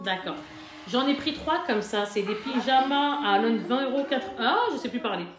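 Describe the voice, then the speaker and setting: A woman's voice: a little high, lively intonation, normal speed. Chatty mother in an echoey room. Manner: chatty, chummy, lots of fillers. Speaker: vlogger, mother. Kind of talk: casual haul vlog chat. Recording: echoey room with background noise.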